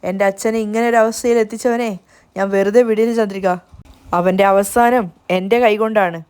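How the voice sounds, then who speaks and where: A woman's voice: mid-range voice, fairly even intonation, moderate pace, a little mellow, clean tone, lightly acted. A woman reading the lines of an anxious, tearful young man pleading for his father. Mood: vengeful. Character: anxious grieving young man, a devoted son.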